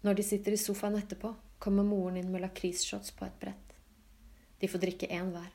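Calm and low-key, a female audiobook reader narrates a scripted literary text at an even pace.

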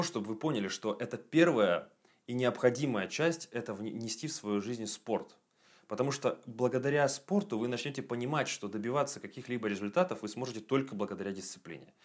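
A man's voice: on the low side, fairly quick. A man in his late twenties giving a casual self-improvement monologue for his video channel, blunt and profane, with frequent fillers. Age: 20s. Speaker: video blogger.

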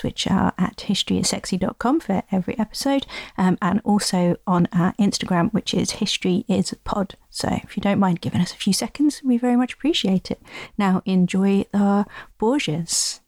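Chatty woman podcast host, gravelly edge. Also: mid-range voice, a little mellow, dry recording, studio quality. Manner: chatty, enthusiastic, many fillers. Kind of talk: casual chat.

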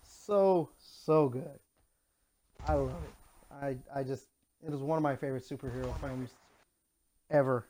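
A man's voice: medium pitch, a little slow, long pauses, warm tone, a little hiss or hum. A young man in casual podcast chat, enthusiastic and joking as he gushes about movies. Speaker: podcast co-host.

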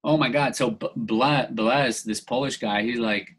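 Poor audio captures a US man in casual podcast conversation, winding through a story with constant "like"s and frequent restarts. He speaks unhurriedly in a medium-pitched voice that's fairly bright and slightly rough.

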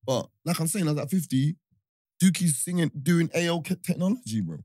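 A man with a London roadman accent chats in loose street slang. His voice sits a little high and is recorded dry. He hammers points home by repeating his phrases. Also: lively intonation, brisk, darkish tone, no room sound. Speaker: podcast host. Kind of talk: casual banter, street slang.

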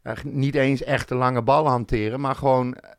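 A man's voice: mid-range voice, level tone, normal speed, clear, resonant tone, dry recording. Frank man, dry close sound. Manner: opinionated, frank. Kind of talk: casual chat.

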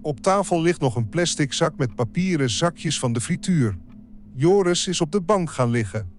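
A man giving calm, descriptive scripted narration for an audio drama. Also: on the high side, normal speed.

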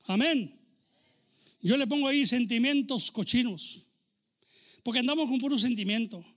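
A man preaching a sermon as pastor, swinging between loud exclamations and low asides. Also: moderate pace.

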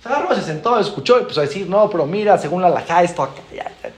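Rabbi, animated storyteller, high and swooping voice, acts out dialogue. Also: male voice, rapid-fire, echoey room. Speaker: rabbi teaching a class. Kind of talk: storytelling lesson.

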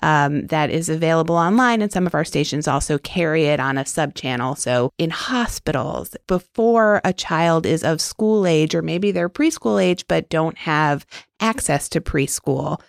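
Earnest woman guest; low-set, resonant voice with some fry; warm enthusiasm, casual fillers. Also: lively intonation, normal speed, no room sound, clean studio sound. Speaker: interview guest. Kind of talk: conversational interview answers.

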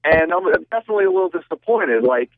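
A man's voice: on the high side, expressive, quick pace, no echo. A man calling in to a talk radio show over the phone, hesitant and stumbling, often talking over the host. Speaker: caller. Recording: tinny phone line.

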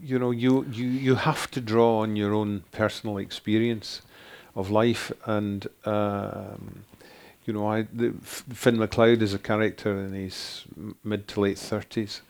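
An older man with a slightly low voice talks through his answers thoughtfully. He often pauses and restarts his sentences as he works out what to say, speaking as a guest author in an interview. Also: little pitch movement, vocal fry, darkish tone. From Scotland.

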